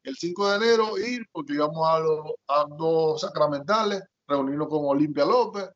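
A middle-aged man from Zulia, Venezuela, speaks Spanish with a Zulian accent in a fairly high voice at a moderate pace. He is a guest in an interview, telling his life story in a rambling way full of fillers and restarts. The audio is dull and lo-fi.

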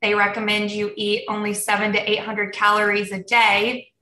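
A podcast guest in her thirties, born in Germany and raised in the United States, shares her personal story candidly and reflectively, with frequent ums and soft laughs. Her mid-range voice is completely flat and moderately paced. She sounds far from the mic in a reverberant space.

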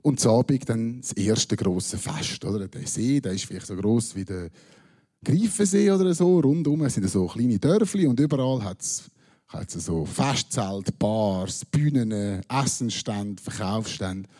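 A Swiss storyteller with a Swiss German accent tells an audience a personal anecdote, using dry, self-mocking humor and timing his punchlines. His fairly low, mellow voice has lively intonation and an unhurried pace.

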